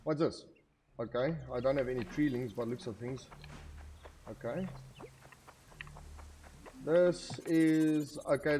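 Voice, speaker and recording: A man's voice: fairly high pitch, dark tone, slight background noise. Man musing through a game run. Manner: thinking aloud, lots of 'okay'. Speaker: gaming video creator. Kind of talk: casual let's-play commentary. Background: faint game music.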